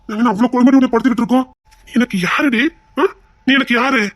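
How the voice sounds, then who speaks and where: A woman's voice: fairly high pitch, fairly even intonation, no echo, close to an everyday voice. A woman playing a remorseful young husband. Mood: firm tender. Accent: Tirunelveli Tamil. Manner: pleading, repeats apologies rapidly. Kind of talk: amateur web-series drama acting.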